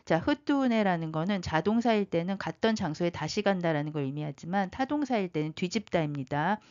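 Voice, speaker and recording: A woman teaching French in a patient, explanatory way, slowly reading out the French phrases. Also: on the low side, lively intonation, a little mellow, highs cut off. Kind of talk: explaining a lesson.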